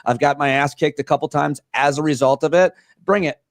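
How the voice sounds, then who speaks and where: A comedian in his forties from Central New York appears as a guest in an interview conversation, speaking passionately and bluntly in rapid bursts. His voice is a little high and creaky, with fairly even intonation, in a dry recording.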